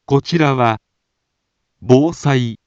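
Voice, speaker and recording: A man making a municipal disaster alert over an outdoor public loudspeaker, in slow, deliberate, evenly spaced phrases. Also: medium pitch, clean tone, no echo, highs cut off. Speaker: municipal emergency announcer.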